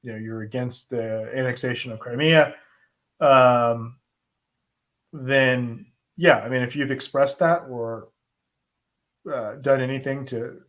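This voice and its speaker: An American man who speaks English as his first language hosts an informal live Q&A, where as an asylum lawyer he answers viewer questions and explains the law. He talks conversationally, thinking aloud with pauses, in a medium-pitched, slightly bright voice.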